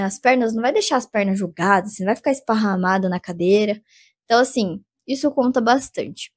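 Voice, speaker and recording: A young Brazilian woman with a Brazilian Portuguese accent, chatting casually through advice in a vlog, animated and full of fillers. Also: on the high side, slightly rough. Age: young adult. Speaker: vlogger giving job interview advice.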